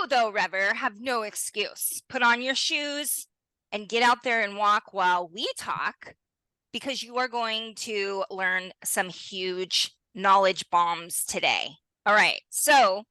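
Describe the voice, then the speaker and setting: A woman's voice: medium pitch, animated, slow pace, pushed and bright, no echo, poor audio. A young adult woman hosting a podcast interview, bubbly and exclamatory, speaking straight to her listeners. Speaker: podcast host.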